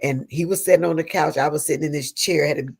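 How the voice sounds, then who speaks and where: A woman's voice: sits low, fast talker, gravelly, breathy edge. A middle-aged woman, a pastor's wife and interview guest, telling a personal story earnestly and with feeling. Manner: earnest, animated, leans on endearments like "honey" and "girl".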